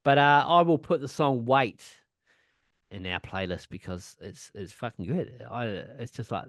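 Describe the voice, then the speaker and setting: A man's voice: mid-range voice, unhurried, dry recording, studio quality. A man co-hosting a punk podcast in casual chat, rambling, swearing a lot and laughing often. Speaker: podcast co-host.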